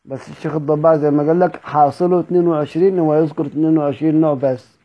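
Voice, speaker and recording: A man's voice: on the high side, fairly even intonation, very fast, muffled recording. A man with an Egyptian Arabic accent teaching a recorded study session, explaining points, repeating them and quizzing his students. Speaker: Quran recitation teacher.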